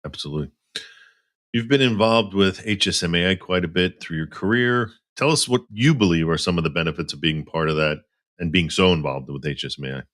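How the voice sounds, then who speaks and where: A man co-hosting an interview podcast, asking calm, plain questions. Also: low-pitched, a little fast. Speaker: podcast co-host.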